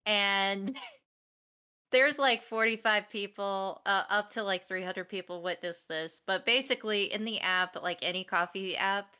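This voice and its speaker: A woman in a casual podcast chat who laughs as she tells her story and fills in with halting fillers. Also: medium pitch, bright, forceful tone, clear, resonant tone.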